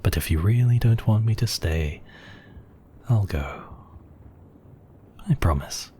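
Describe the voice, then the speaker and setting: A man performs a vampire count for romantic ASMR roleplay. The voice is very deep and slow, murmured closely and slipping into whispers. He is brooding and possessive yet tender, over faint background noise. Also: lively intonation. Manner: slow, hushed, intimate murmur with whispery moments.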